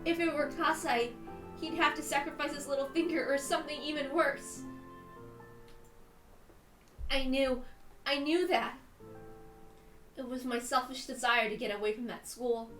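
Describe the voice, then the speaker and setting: Reading a visual novel in first person on a stream, a woman with a very high, fairly bright voice delivers tense, deliberate drama. She's distant from the mic in a roomy space, with clear music playing underneath.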